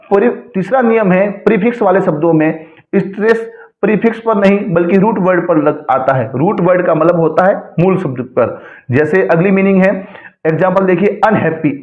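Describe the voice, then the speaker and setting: A man teaching a slide lecture, explaining slowly and repeating words to show how they are pronounced. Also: high-pitched. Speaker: English grammar teacher. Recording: echoey room, tinny phone-like sound.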